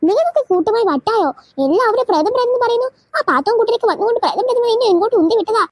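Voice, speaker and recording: A woman's voice: extremely high pitch, expressive, racing, a little mellow, dry recording. A woman doing a bossy cartoon big sister. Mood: scolding. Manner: scolding, brushing off fears. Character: bossy older sister, brisk and dismissive. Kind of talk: cartoon voice acting.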